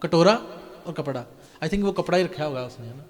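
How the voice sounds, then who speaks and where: A male pastor giving a lively sermon, often asking his congregation questions and slipping in English phrases. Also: a little high, fairly quick, in a large hall. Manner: animated preaching, asks the congregation questions, mixes in English. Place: church hall.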